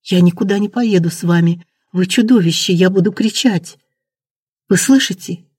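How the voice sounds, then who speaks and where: Reader plays terrified young maid with child; raised, strained voice, dark mellow tone. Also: medium pitch, normal speed, slightly rough, no room sound, clean studio sound, close to an everyday voice. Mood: hysterical. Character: frightened young pregnant maid, defiant.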